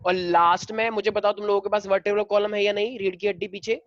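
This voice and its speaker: A man's voice: sits high, flat delivery, fast talker, no room sound. Male teacher mid-lesson, quizzing the class, dull dry recording. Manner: mixes Hindi and English, quizzes students, affectionate. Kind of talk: classroom lecture.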